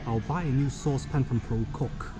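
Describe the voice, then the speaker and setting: A man's voice: mid-range voice, moderate pace, over music. A man from Hong Kong narrating a casual travel vlog in a matter-of-fact way with wry asides. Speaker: vlogger.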